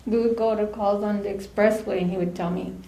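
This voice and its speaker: This former ambulance partner speaks briskly in a mellow, steady, medium-pitched voice as she delivers her eulogy in a funeral home chapel. She's chatty, telling stories and laughing through them while dropping Spanish phrases into English. Faint ambience hangs in the echoey chapel.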